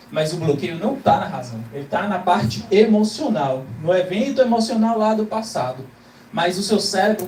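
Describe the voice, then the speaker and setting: A man with a Brazilian Portuguese accent preaches a motivational sermon to a live crowd, emphatic and packed with rhetorical questions, acting out the voices he quotes. His voice sits high and is a little mellow. The hall echoes, the mic is distant, and there's slight background noise and faint ambience.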